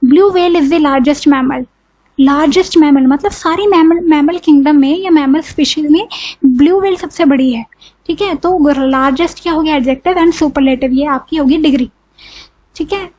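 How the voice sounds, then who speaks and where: Her voice high and a little mellow, this Indian-accented woman teaches grammar at a normal speed over dull audio. She works step by step, poses her own questions and answers them, frequently saying "ठीक है".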